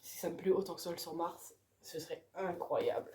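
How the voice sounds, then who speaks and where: Dark-voiced chatty French woman vlogger. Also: on the low side, moderate pace. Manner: chatty, enthusiastic, ends phrases with "quoi". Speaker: book vlogger. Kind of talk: casual chat about her reading pile.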